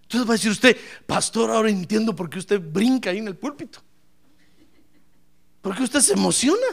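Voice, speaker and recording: Male pastor with a gravelly voice and a very lively pitch; playful sermon style that swings between shouting and soft asides. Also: a little fast. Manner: animated, playful, asks the congregation questions; bursts into shouts then drops to soft asides.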